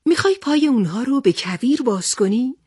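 Brief: clever, thoughtful man, read by a woman, husky tone. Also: high voice, animated, mellow, dry recording, clean studio sound, voice pushed up. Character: sharp adult male hero, thoughtful.

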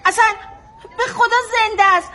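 A woman's voice: very high-pitched, fairly even intonation, bright, forceful tone. An actress playing a woman who comforts an injured girl with tender words while holding back tears. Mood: soothing. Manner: soothing, tearful, endearing.

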